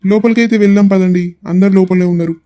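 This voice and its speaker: A man's voice: high voice, steady tone, quick pace, warm tone, a little hiss or hum, close to an everyday voice. A man voicing a chatty middle-aged brother-in-law in a cartoon, grumbling with humor in a Telangana accent. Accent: Telangana Telugu.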